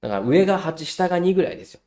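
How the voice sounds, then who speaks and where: A middle-aged man giving a lively parenting lecture, telling anecdotes and acting out children's voices. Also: sits high, rapid-fire. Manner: animated storyteller who acts out children's voices.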